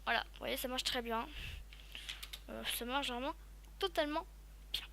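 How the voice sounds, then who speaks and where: A woman giving a casual, chatty step-by-step software tutorial, talking loosely with lots of fillers. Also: sits high, moderate pace, vocal fry, background noise. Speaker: tutorial YouTuber.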